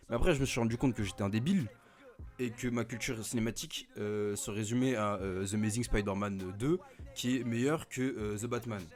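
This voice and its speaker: Young man, mid pitch, slangy casual film review, swears a lot, rambling delivery, desk mic at home, faint music behind. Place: at home, recording with streaming software. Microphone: desk microphone.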